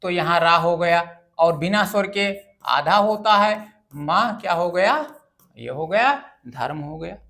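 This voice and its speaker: Slow, bright-voiced grammar teacher drilling students. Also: mid-range voice, vocal fry. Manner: drills by asking questions and answering them; repeats phrases for emphasis. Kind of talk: exam-prep grammar lecture.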